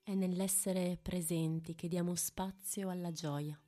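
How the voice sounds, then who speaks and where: A woman leading a guided meditation in a hushed, intimate voice right by the ear, with long pauses between short phrases. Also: fairly low pitch, fairly even intonation. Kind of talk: guided meditation, slow and soothing.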